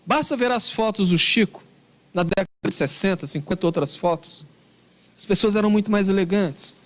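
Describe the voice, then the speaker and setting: This Brazilian Portuguese-accented man speaks in a high pitch while delivering a spiritist lecture. His storytelling is earnest and emphatic, with deliberate slowing on important words.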